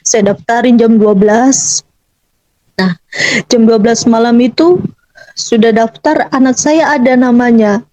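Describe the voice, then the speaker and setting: A woman's voice: on the high side, fairly even intonation, unhurried, long pauses, dark tone, no echo, low-quality recording. A mother giving an earnest, emotional personal testimony about her family.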